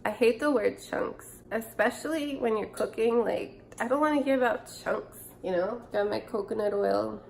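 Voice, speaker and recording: Congested and nasal from a cold, a twenty-something cooking vlogger thinks aloud and chats casually in her home kitchen. Her gravelly voice is on the high side, at normal speed with few pauses. The close-up camera or phone picks up a noisy background.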